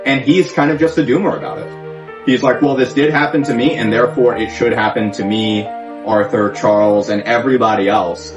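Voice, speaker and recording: A man hosting a reaction video, giving sarcastic, mocking commentary. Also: on the low side. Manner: sarcastic, mimics others in put-on quotes. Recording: roomy dull lo-fi sound with clear music.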